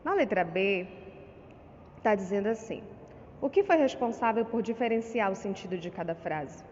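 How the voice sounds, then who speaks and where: A woman's voice: mid-range voice, expressive, moderate pace, a little mellow. A Brazilian Portuguese-speaking woman teacher giving a recorded lesson to her pupils, patient and checking in often with short questions. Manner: patient, with frequent "tá?" and "né?" check-ins. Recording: dull lo-fi audio with long reverb and faint noise.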